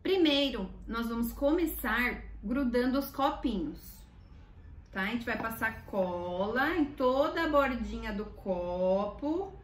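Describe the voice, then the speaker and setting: Brazilian woman, kids show host type, unhurried children's craft teacher, recorded in an echoey room from a distance. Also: on the high side, lively intonation. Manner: simple child-directed talk with diminutives. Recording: echoey room, distant mic, faint noise.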